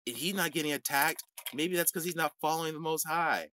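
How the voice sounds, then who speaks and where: A man hosting a religious online show, ranting to his viewers in a combative way that swings from shouting to muttering. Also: fairly high pitch, a little fast, no room sound. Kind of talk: heated livestream rant to viewers.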